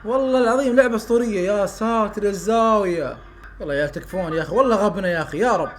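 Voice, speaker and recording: High-pitched, fast-talking man reacting. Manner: excitable, swings between muttering and loud shouts. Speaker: YouTube streamer reacting to a football match. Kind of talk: live football reaction commentary.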